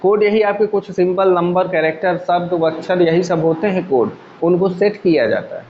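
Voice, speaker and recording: Guy teaching a computer class, kinda high voice, echoey lo-fi room. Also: moderate pace. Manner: explains step by step with everyday examples, asks the class questions. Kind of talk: classroom lecture. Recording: echoey room, dull lo-fi sound, faint hum.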